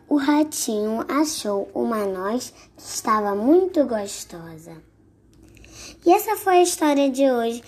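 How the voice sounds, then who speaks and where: A woman reading a picture book aloud to children as host of her channel, lively and expressive. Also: on the high side, slightly rough. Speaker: children's story reader.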